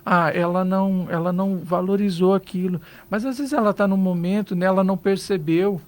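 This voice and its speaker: High-voiced Brazilian man giving earnest advice. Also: steady tone, a little fast. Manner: earnest, advising, rhetorical questions. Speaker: psychologist guest. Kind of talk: radio interview advice. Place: radio studio.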